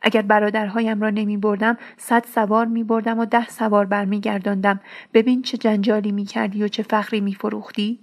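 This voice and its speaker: A woman's voice: mid-range voice, level tone, close to an everyday voice. A woman reading as a cold, ruthless young warrior. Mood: scornful. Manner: cold, scornful, harsh.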